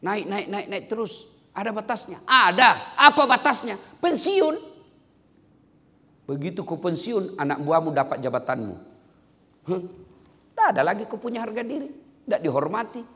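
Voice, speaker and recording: A man giving a lively, humorous sermon, jumping up in pitch for punchlines and now and then breaking into song. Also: normal speed, pauses often. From Indonesia. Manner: animated, jumps high in pitch for punchlines, sings snatches of songs. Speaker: preacher. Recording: hall reverb.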